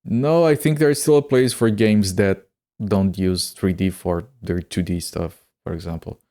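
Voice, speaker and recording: A man with a somewhat low voice chats casually while playing a game on a live stream. He swears freely and often stammers and repeats words before a sentence gets going. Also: fairly even intonation, a little slow, dark tone.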